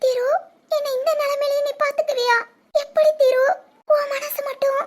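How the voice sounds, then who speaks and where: A woman voicing a sobbing young bride, very high. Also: little pitch movement, a little hiss or hum. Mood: tearful. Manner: sobbing, halting, stammering apologies. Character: young pregnant bride, tearful and apologetic. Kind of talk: dubbed cartoon drama.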